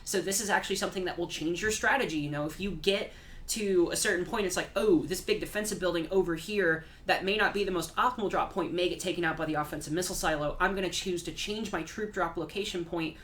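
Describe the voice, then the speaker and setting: A woman game developer explains features at a rapid clip. Her voice sits a little low for a woman, and she talks with eager enthusiasm. A faint room ambience hangs behind her in the studio. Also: fairly bright tone, a little hiss or hum. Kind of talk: casual stream discussion.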